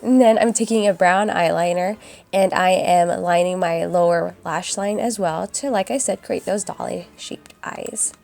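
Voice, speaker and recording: Raspy, hoarse young woman with a cold. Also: fairly low pitch, steady tone, unhurried, a little mellow. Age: young adult. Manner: chatty and upbeat, addresses viewers as guys. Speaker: beauty vlogger. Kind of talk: makeup tutorial voice-over. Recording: voice-over with faint music behind.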